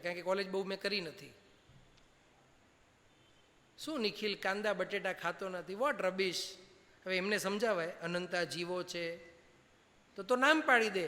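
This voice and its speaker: A man's voice: high-pitched, bright, forceful tone. A man giving a religious discourse as a spiritual teacher, teasing his listeners with rhetorical questions and dropping English phrases into his talk. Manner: asks the audience many rhetorical questions; playful, teasing. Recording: hall reverb.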